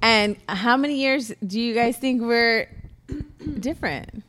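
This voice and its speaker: A woman's voice: on the high side, slow pace, a bit bright, a little hiss or hum. A woman in her forties, a guest on a podcast, chatting casually and teasing with jokes. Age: 40s. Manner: teasing, joking. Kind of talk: casual chat.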